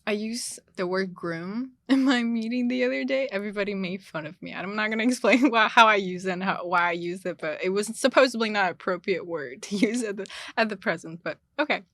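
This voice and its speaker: A young international student from China, a native Chinese speaker with a slight accent, chats casually as a podcast guest in a small studio, laughing often and restarting her phrases. Her mid-range, fairly bright voice runs a little fast with hardly any pauses, and there is no echo.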